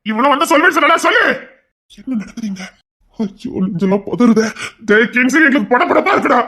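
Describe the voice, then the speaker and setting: A woman's voice: a little high, animated, fast talker, a bit bright. A woman doing a frantic, tearful family man. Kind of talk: audio story role-play.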